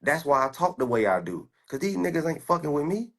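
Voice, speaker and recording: Husky, profane young man boasting. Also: a little high, sing-song, a little fast. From United States. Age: 20s. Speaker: stock trader. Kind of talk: casual rant while screen-sharing.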